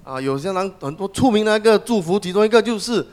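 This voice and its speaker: A man's voice: sits high, lively intonation, fast. A man interpreting a sermon phrase by phrase, with some hesitations as he goes.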